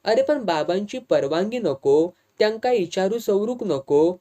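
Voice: medium pitch, animated, unhurried, warm tone, close to an everyday voice. A reader voicing a teasing, evasive young village woman with a Malvani accent in an audiobook. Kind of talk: audiobook dialogue reading.

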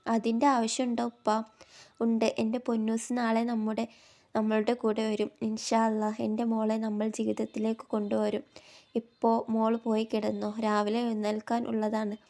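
Consoling older father, read by a woman, soft and steady, warm tone. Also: on the high side, normal speed, natural voice. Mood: gentle. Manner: gentle, consoling. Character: loving grieving father, older man.

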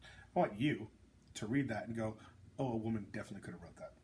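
A man's voice: on the low side, lively intonation, fast, darkish tone, a little hiss or hum. Blunt joking man in casual chat. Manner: blunt, joking, rambling with fillers. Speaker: author and host.

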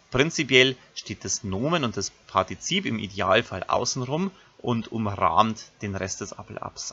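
A lower-pitched man teaches a recorded grammar lesson, walking his pupils through each step. His voice is husky yet bright and forceful. The recording sounds dull and lo-fi. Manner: explains step by step, addressing pupils directly. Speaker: Latin teacher.

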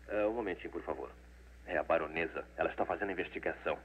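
Brief: polite official, deep voice, measured, lo-fi hiss. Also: male voice. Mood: formal. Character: formal airport manager, scheming. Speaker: airport manager. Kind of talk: 1940s Brazilian Portuguese film dub. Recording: tinny old film dub with hiss.

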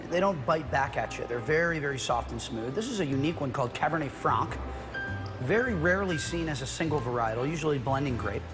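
A middle-aged man, a winemaker, guiding a tasting in a friendly, explanatory way, recorded indoors in a winery on a lapel mic. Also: a little high. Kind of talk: conversational product explanation.

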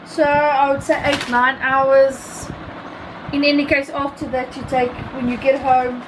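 A woman's voice: high voice, level tone, a little slow. A woman in her thirties with a South African accent, giving a rambling, casual product review as a beauty vlogger, often correcting herself. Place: small room indoors. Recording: clearly noisy home recording, ambient hum.

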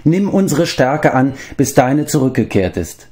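A man's voice: mid-range voice, sing-song, a little slow, darkish tone, voice pushed up. A man voicing an earnest young male helper who speaks in an eager, respectful way. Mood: pleading. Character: earnest young male assistant pig-keeper.

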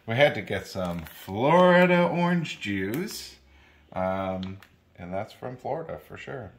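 Laid back guy, really low voice, talking thru groceries in his kitchen. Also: animated, slow pace. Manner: easygoing, agreeable, with fillers. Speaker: channel co-host. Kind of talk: casual grocery haul chat. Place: home kitchen, indoors.

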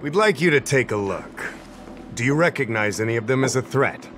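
An actor playing a friendly, somewhat scatterbrained official in a video game, casual and easygoing. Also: male voice, medium pitch, lively intonation, normal speed, over music, natural voice. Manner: casual and easygoing, a bit forgetful. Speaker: game character.

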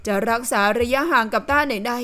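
A woman reading an audio novel aloud in steady, unhurried scripted narration. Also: fairly high pitch.

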